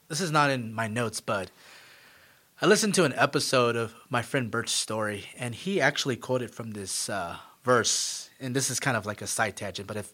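Male podcast teacher, casual and animated, mid-pitched voice. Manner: conversational, animated, with tangents and asides. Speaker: podcast host and Bible teacher.

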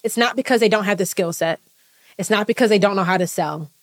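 A woman's voice: medium pitch, fast talker. A woman business coach giving an impassioned, repetitive motivational talk, swearing freely.

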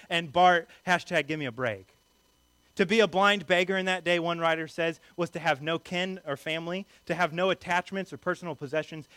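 A male pastor preaching a sermon in a lively, conversational way, with jokes mixed in. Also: a little high, no room sound.

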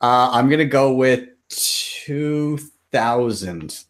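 A man's voice: medium pitch, extremely slow. A polite man from Canada speaking casually and hesitantly as a quiz show contestant. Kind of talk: casual chat.

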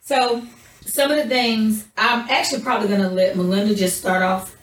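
A woman of middle pitch co-hosts a podcast and talks in a measured, deliberate way, slowing down to gather her next thought. She sits away from the microphone in a room with a noticeable echo. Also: steady tone, recorded from a distance. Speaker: podcast co-host. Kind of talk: casual podcast chat.

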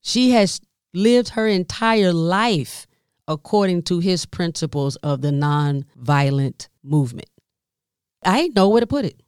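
A woman telling a personal story to an audience, expressive, with dramatic pauses and direct asides to her listeners. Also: on the low side, smooth, no room sound, studio quality.

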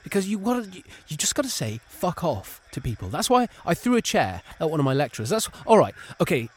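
A man playing an angry, erratic young understudy actor who swears a lot and swings between loud and soft. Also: on the high side, very animated, fast, breathy edge. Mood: ranting. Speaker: improvised comedy performer.

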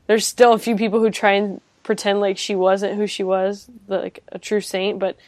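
A woman's voice: medium pitch, level tone, normal speed, darkish tone, dry recording. Woman, enthusiastic, casual faith talk, frequent restarts, dry sound. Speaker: co-host.

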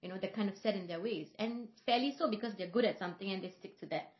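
A woman who is a singer and vocal coach, from Singapore, telling stories in a relaxed podcast chat with frequent fillers. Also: medium pitch, fast. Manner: reflective, storytelling, frequent fillers. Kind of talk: casual podcast conversation. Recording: roomy, slightly dull podcast audio.

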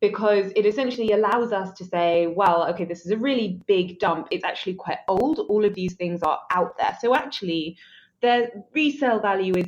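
On a podcast, a woman who works as a threat intelligence analyst gives a conversational analysis of a security story, thinking out loud with articulate speech and dry humor. Her voice is medium in pitch, and the audio is dull with slight background noise.

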